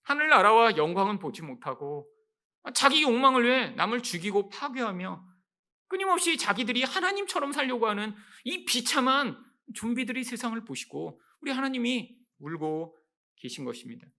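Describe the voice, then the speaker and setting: Male pastor, sermon, lively pitch, gravelly edge, bright tone, rhetorical questions. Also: moderate pace. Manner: emphatic, rhetorical questions, repeats "여러분". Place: church sanctuary.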